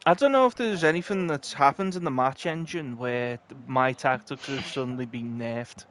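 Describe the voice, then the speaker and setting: A man chatting while gaming who reacts excitedly to his match and often repeats words. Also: medium pitch, moderate pace. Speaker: streamer playing with friends. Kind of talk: casual chat while gaming.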